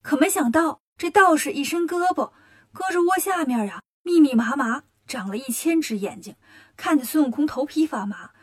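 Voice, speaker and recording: A woman narrating a children's story in a lively, expressive way. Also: high-pitched, normal speed.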